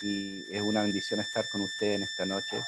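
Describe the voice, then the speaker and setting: A man's voice: on the low side, brisk. A man from Chile, speaking as a panelist while he has a cold. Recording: noisy line with steady background noise.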